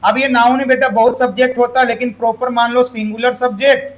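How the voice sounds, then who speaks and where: High-voiced teacher quizzing his class. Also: level tone, brisk. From Jharkhand, India. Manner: calls out questions and has the class repeat answers. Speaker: English teacher. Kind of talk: classroom grammar lesson.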